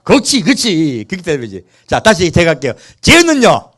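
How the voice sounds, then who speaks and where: Animated male pastor preaching. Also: fairly high pitch, quick pace. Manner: animated, asks the congregation rhetorical questions; humorous, playful asides. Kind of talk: sermon. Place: church.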